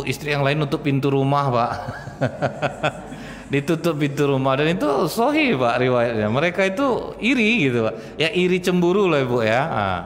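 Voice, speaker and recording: Conversational male preacher in an echoey hall. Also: medium pitch. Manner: conversational, constantly addressing listeners as sir and ma'am. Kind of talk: sermon. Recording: echoey hall, faint noise.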